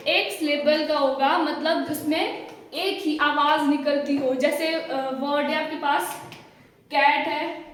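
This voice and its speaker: A woman teaching a spelling lesson to a class, slow and questioning, repeating the answers back. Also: high voice, slight background noise. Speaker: English teacher. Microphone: far from the mic. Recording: very echoey room from far off.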